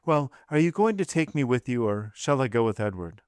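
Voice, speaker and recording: A man reading aloud, voicing a frightened young noblewoman who stammers and pleads in a raised, drawn-out voice. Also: mid-range voice, big pitch swings, a little mellow, clean tone, no echo, clean studio sound, pitched above the performer's own voice, natural voice. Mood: calm, probing.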